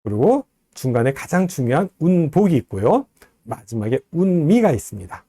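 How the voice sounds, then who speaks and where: A man giving a recorded lecture, explaining step by step and slowly modeling pronunciations. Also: a little high, very animated, dark tone, dry recording.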